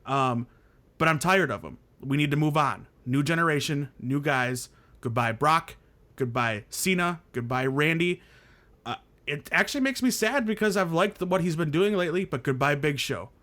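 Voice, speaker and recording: A man with a slightly higher voice hosts a wrestling podcast. He chats casually but slides into animated rants, laughing between points. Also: normal speed. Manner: animated ranting, laughs often. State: hiccuping. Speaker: podcast host.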